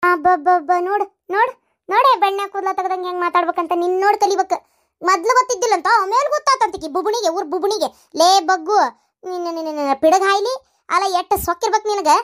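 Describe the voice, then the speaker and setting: A performer voicing a greedy, sharp-tongued older mother-in-law in a comic cartoon, with a North Karnataka accent. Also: very high voice, quick pace. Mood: scolding. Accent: North Karnataka Kannada. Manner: scolding, sharp-tongued, boastful.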